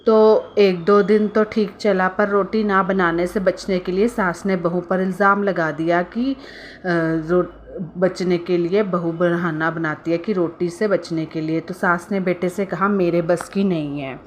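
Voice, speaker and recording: A woman's voice: on the low side, fairly even intonation, measured pace, slight background noise. A woman telling a family story in a casual, chatty way and adding her own opinionated moral commentary, with hesitant fillers.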